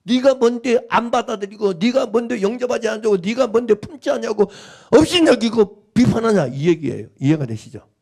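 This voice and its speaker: A male pastor in middle age preaches a Sunday sermon, his voice unusually high and gravelly. He swings his pitch widely as he drives each point home. He keeps asking the congregation whether they understand. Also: sing-song, fairly quick, hardly any pauses, darkish tone. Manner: emphatic, repetitive, questioning the congregation.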